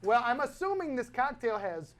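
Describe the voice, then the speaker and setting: A woman puts on a snarky puppet bunny who plays sidekick on a cocktail show. The voice sits higher and swings widely, teasing and theatrical. Every line comes as a sarcastic jab. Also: very animated, normal speed. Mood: sassy. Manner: sarcastic quips, playful heckling.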